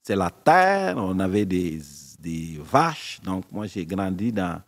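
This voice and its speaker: A man in his fifties, mid-pitched and very animated in his intonation, chatting as an interview guest. He jokes and tells stories, pausing on fillers as he goes, and his voice hangs in a long, echoing reverb. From Senegal. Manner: joking, storytelling with many pauses and fillers. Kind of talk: casual interview talk.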